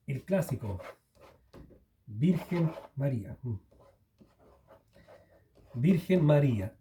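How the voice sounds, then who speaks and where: A man's voice: on the high side, warm tone. A man giving informal Bible teaching to camera, earnest and speaking straight to the listener.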